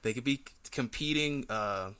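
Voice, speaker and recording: A young man co-hosting a comedy podcast, playful and quick with comebacks, laughing a lot. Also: mid-range voice, pushed and bright, clean tone. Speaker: podcast co-host. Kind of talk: casual comedic banter.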